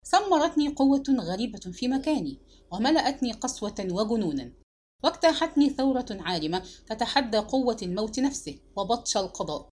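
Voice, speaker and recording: A woman reading a dramatic novel aloud with an emotional, expressive delivery. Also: a little high, fairly quick, husky. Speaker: audiobook reader.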